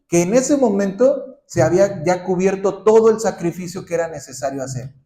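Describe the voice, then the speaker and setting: A man pastor preaching a sermon, often asking the congregation questions and ending points with a quick "¿sí?". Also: high-pitched, lively intonation, dark tone. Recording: roomy echoing hall.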